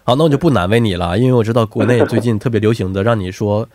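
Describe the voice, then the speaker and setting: A man's voice: fairly low pitch, very fast, darkish tone, no room sound, clean studio sound. A man hosting a quiz show in a chatty, teasing way, talkative and often adding tag questions.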